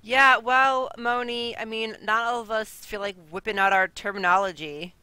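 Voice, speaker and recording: A woman co-hosting a casual podcast chat over a call, giggly and animated. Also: a little high, normal speed, smooth, no room sound. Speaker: podcast co-host.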